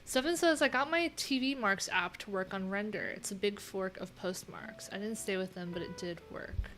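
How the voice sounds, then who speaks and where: A little hiss or hum accompanies a mid-range, slightly bright female voice speaking at normal speed. The speaker is a middle-aged web developer streaming casual live coding from a small home room, thinking aloud and reading her screen with wry, offhand asides.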